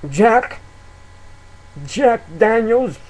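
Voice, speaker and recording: A smarmy fake Hollywood producer promising stardom, played by a young man. The voice is loud and pitched well above his normal talk, with a slick salesman's push. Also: expressive, very slow, heavily acted, poor audio.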